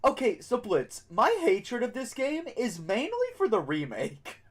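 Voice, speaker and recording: A man's voice: very high voice, wildly swooping pitch, unhurried. A man giving casual live let's play commentary as a game streamer, chatting as he goes.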